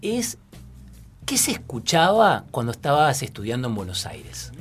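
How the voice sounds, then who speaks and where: A man's voice: mid-range voice, wildly swooping pitch, a little slow, soft background music. A man co-hosting a casual radio show, hesitant with many fillers. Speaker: radio co-host.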